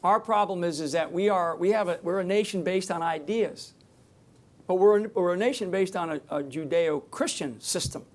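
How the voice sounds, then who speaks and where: This man speaks unscripted to a live audience about security, emphatic and rambling, with frequent restarts mid-sentence. His voice is high and his pace moderate.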